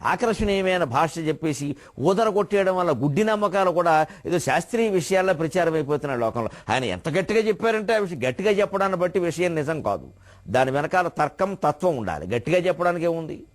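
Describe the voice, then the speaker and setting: Older man giving a lively spiritual discourse. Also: fast talker. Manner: expressive, rising and falling in pitch and volume, quoting and chanting verses. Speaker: spiritual speaker. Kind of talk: Telugu religious discourse.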